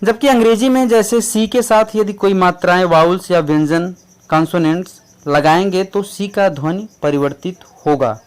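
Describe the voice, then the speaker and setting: Male teacher, slow spelled-out words, unhurried pace, crickets behind. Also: high voice, clear, resonant tone. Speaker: English teacher. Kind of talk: explaining English pronunciation in Hindi.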